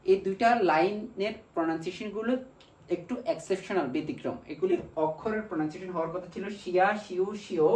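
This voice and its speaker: A man with a Bangladeshi Bengali accent teaching a language lesson, slowly drilling syllables one by one. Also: high voice, darkish tone. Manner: slow, repetitive drilling of syllables. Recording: echoey room, mic far off.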